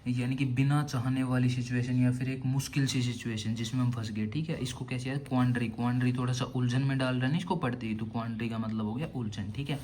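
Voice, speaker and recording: Young teacher drilling vocab mnemonics. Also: male voice, medium pitch, steady tone, quick pace, few pauses, darkish tone, slight background noise. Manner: explains with mnemonics, says "theek hai" constantly; asks questions and answers them himself. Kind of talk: online vocabulary lesson.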